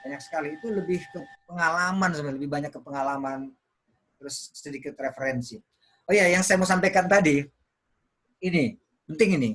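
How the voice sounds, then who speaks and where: A man's voice: fairly high pitch, brisk, a bit bright. Man coaching public speaking online. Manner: explains with examples, repeats words to show intonation. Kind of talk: online workshop teaching.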